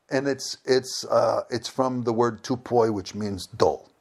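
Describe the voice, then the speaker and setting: This American storyteller has a gravelly, mid-range voice. Casually recounting a funny anecdote, he animatedly acts out both sides of a conversation and laughs along.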